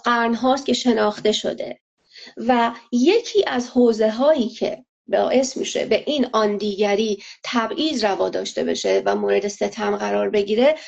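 A woman answering interview questions in a measured, analytical way, pausing often with fillers. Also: on the high side, vocal fry, a little mellow. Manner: measured, hesitant, many filler pauses. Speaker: interview guest. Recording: lo-fi muffled audio.

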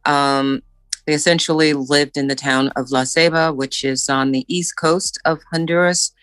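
A woman's voice: sits low, fairly even intonation, normal speed, a bit bright. Woman from Brooklyn, podcast guest, candid conversational storyteller. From Brooklyn, New York.

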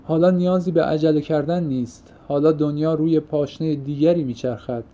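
A man's voice: fairly high pitch, steady tone, mellow, close to an everyday voice. A man reading an audiobook, voicing an impassioned young man who pours out his heart in fervent, poetic outbursts. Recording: muffled lo-fi recording.

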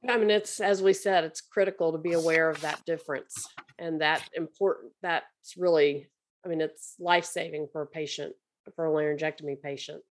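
A woman with a slightly low voice talks conversationally as an interviewer. She stresses and restates the important points as she responds. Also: fairly even intonation, normal speed.

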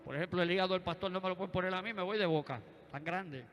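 A man's voice: high voice, fast talker, muffled recording. A man preaching a testimony sermon, punctuating his story with calls of amen and praise. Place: church. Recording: church hall reverb with faint music.

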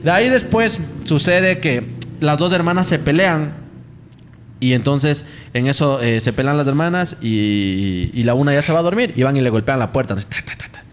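A man's voice: fairly high pitch, expressive, moderate pace, slight background noise. A young man, telling a rambling ghost story in casual chat and mimicking the voices in it. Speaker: podcast host.

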